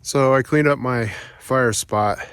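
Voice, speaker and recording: A man's voice: mid-range voice, slow, a bit bright, clean tone, no echo. A man vlogging outdoors on a forest hike, upbeat and encouraging, out of breath as he climbs. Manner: upbeat, encouraging, talks while hiking. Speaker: solo backpacking vlogger. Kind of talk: casual outdoor vlog to camera.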